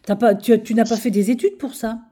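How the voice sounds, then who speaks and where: A woman's voice: fairly high pitch, steady tone, fast, warm tone. A woman hosting a radio interview, asking friendly, familiar questions. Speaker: radio host.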